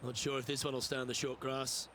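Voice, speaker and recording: A man's voice: mid-range voice, flat delivery, quick pace, bright, forceful tone, a little hiss or hum. A man playing a composed, upbeat TV-style lead golf commentator for a video game. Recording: crowd and music behind.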